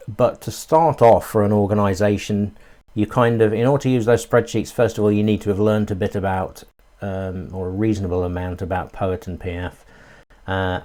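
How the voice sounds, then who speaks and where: A man's voice: sits low, a little mellow. A man giving a live online tutorial, explaining his ideas step by step and thinking aloud with many fillers. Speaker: course instructor.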